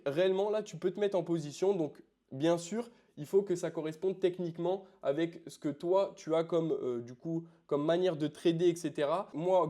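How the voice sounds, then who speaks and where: Guy explaining forex trades on a chart, chatty and loose, high-ish mellow voice. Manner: informal, addresses viewer as "tu", many fillers like "du coup"; explains while pointing at charts. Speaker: forex trading educator. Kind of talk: casual explanatory trading tutorial.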